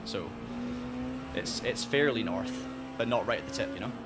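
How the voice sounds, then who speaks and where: A man with a soft, fairly neutral Highland Scottish accent, chatting casually as he hosts a sim racing livestream. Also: lively intonation, normal speed, background noise. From Scottish Highlands, north of Inverness. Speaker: livestream host and sim racer. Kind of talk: casual livestream chat while gaming.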